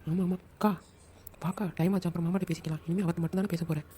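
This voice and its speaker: A woman voicing a chatty young female friend in an audio story, teasing and lively. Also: fairly low pitch, rapid-fire, slight background noise, pitched below the performer's own voice, close to an everyday voice.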